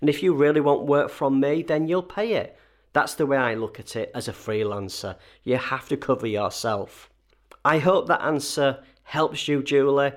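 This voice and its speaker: A man's voice: mid-range voice, animated, moderate pace. A man with a slightly wheezy, chesty voice, getting over a cold, hosting a conversational solo advice episode with emphatic key points. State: recovering from a cold and chest infection. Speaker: host advising freelancers.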